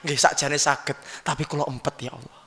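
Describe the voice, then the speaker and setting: A man's voice: on the high side, little pitch movement, brisk, vocal fry, pushed and bright. A man playing a humble older male official with a Javanese accent, pleading his case meekly. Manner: meek, pleading. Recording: long hall reverb.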